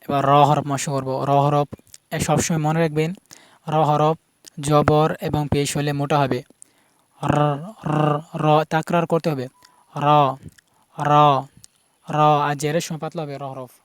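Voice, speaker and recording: A man teaches pronunciation, repeating each sound slowly and patiently. His voice is smooth and a little high, with little rise and fall. The recording is close and dry. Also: little pitch movement, no echo. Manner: patient, repeats each Arabic letter sound many times. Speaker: Quran recitation teacher. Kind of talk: pronunciation lesson.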